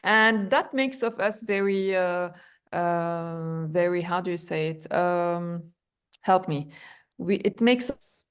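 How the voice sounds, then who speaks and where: A woman's voice: on the low side, slow, clean tone. A woman from Lebanon, a podcast guest speaking in a conversational interview, often searching for words and restarting.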